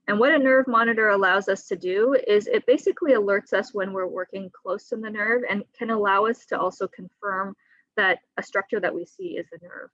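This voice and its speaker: A woman surgeon on a video call, explaining surgery risks to patients in a clear, teaching manner with a few fillers. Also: mid-range voice, a bit bright, no room sound, muffled recording. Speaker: thyroid surgeon. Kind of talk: patient education talk. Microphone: computer mic on a video call.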